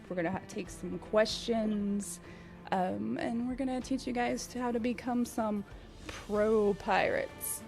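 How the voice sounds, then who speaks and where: Slow, giggly woman hosting a stream. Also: fairly high pitch, vocal fry. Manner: giggly, easygoing, unhurried. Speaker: stream host. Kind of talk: live stream hosting while playing.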